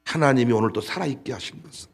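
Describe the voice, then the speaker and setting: A man preaching a sermon as pastor, scolding and exhorting his congregation, shifting between loud bursts and low asides. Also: expressive, quick pace, creaky, breathy edge.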